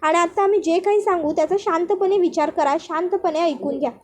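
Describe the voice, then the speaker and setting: A woman's voice: very high voice, a little fast. A woman reading a blunt, insistent young sister-in-law. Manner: earnest, pleading, plain reading voice.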